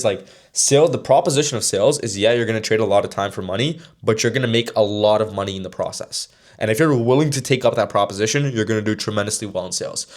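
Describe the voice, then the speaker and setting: A man of about twenty giving a brash motivational talk to camera as a sales mentor, casual and slangy. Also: fairly low pitch. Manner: brash, slangy, straight-talking.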